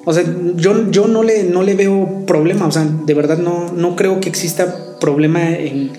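A man's voice: high voice, steady tone, normal speed, dark tone. A man in casual debate chat, co-hosting a podcast, hesitating and repeating words as he argues. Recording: roomy echo with faint music.

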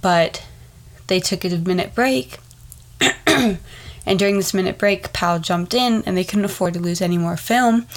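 A woman's voice: medium pitch, unhurried. Wheezy, stuffed-up young woman. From Texas, United States. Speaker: podcast host. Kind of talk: casual solo podcast chat.

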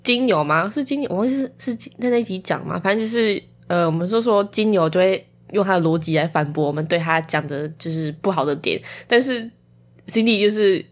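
A young woman co-hosts a podcast in relaxed chat. Her voice sits a little low. She is wry and self-mocking and breaks into laughter often. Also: fairly quick. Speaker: podcast co-host. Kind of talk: casual chat.

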